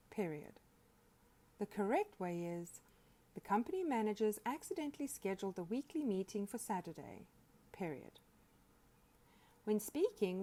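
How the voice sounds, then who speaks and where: A woman narrates a scripted grammar lesson with a lively, rising and falling voice. She reads example sentences aloud and names each punctuation mark as she goes. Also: mid-range voice. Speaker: grammar instructor.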